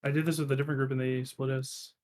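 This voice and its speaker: A man's voice: medium pitch, little pitch movement, fast, a little mellow. A man playing a tank role in a game raid, chatting casually and poking fun at himself, with a rambling, restarting way of talking. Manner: self-deprecating, rambling, with restarts. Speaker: tank player. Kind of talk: casual game chat over voice.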